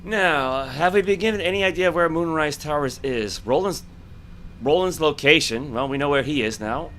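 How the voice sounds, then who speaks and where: A man's voice: fairly high pitch, normal speed, a bit bright, slight background noise. A man casually commentating a game as he plays, thinking aloud and reacting to each turn. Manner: musing, thinks aloud while playing. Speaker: gameplay commentator. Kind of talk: casual let's-play commentary.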